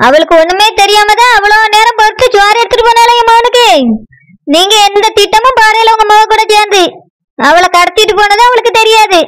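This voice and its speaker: Woman voicing a bitter mother-in-law in a cartoon, squeaky high voice, scolding. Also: steady tone, fairly quick, fairly bright tone. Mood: scornful. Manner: scornful, accusing. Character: stern unforgiving mother-in-law, older woman. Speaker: groom's mother.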